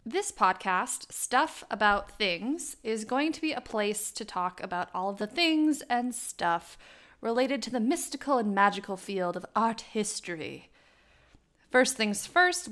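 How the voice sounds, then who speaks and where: A young woman with a Wisconsin accent and a nasal voice with some vocal fry, hosting a chatty, scripted solo podcast with playful, self-deprecating asides. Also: mid-range voice, fairly bright tone. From Wisconsin, United States. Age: young adult. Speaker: podcast host.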